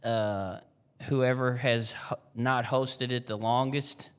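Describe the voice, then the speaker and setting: A man's voice: medium pitch, steady tone, clear, resonant tone. A man, a girls' basketball coach talking in an easygoing, plainspoken way. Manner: easygoing, plainspoken, drawn-out explanations. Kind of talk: casual chat.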